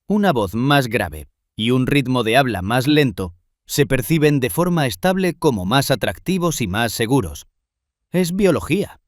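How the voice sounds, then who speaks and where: Lively-pitched man narrating, dry sound. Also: dry recording. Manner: measured, short clipped phrases with pauses. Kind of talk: scripted narration.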